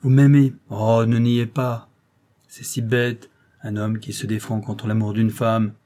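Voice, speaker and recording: A man's voice: fairly low pitch, little pitch movement, unhurried, dark tone, lightly acted. A man voicing a proud, feverish young actress who talks in a curt, imperious, pressing way. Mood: urgent, proud.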